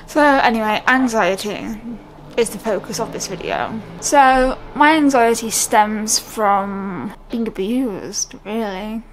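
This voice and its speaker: Speaking slowly in a fairly high voice, a young British vlogger chats to camera with no script, candid and rambling and frequently interrupting herself. There's a little hiss or hum on what is a rough recording.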